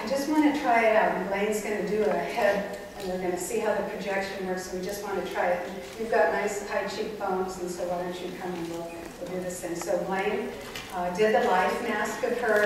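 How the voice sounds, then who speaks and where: A woman telling family stories to a live audience in a chatty, animated way. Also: medium pitch. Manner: chatty, animated, with many fillers. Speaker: panel speaker. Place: large indoor event hall. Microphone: far camera. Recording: echoey hall from far off, noisy.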